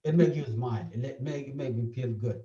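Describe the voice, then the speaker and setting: In an interview, a therapist from South Sudan speaks fairly quickly in a medium-pitched voice with a dark tone, carrying a South Sudanese accent. He explains his ideas earnestly and tends to repeat them. The recording comes across dull, echoey and far-off.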